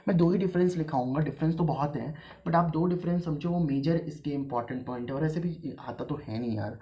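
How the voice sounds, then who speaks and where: A man teaching a casual physics lesson, mixing English terms into Hindi and slowly repeating key phrases as if for dictation. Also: on the high side, mellow, husky.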